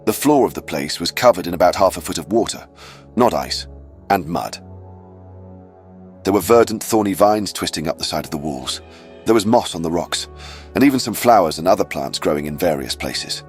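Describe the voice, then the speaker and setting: A man's voice: sits low, lively intonation, moderate pace, pauses often, soft background music. A man narrating a scripted fantasy adventure recap as a storyteller given to wry, chatty asides.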